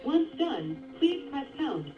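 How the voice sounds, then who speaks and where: Recorded phone message from a lively woman. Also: high-pitched. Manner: polite, instructing, measured. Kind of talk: scripted automated phone menu voice-over. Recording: distant phone-line recording with music behind.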